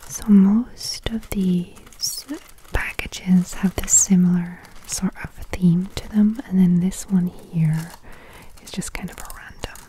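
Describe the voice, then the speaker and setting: A woman speaks in a breathy ASMR whisper, slightly low and soft-edged. Her delivery is slow, gentle and chatty, as if showing items to the viewer. Crinkling packaging rustles alongside her voice. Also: steady tone, poor audio. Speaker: ASMR video host. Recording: close mic with crinkling plastic packaging. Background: crinkling packaging sounds.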